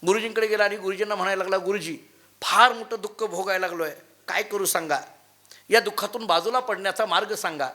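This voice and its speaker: A male devotional preacher giving a sermon in a temple, telling stories and chanting scripture quotes with lively emphasis. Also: sits high, fast talker. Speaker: kirtankar preacher. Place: temple hall.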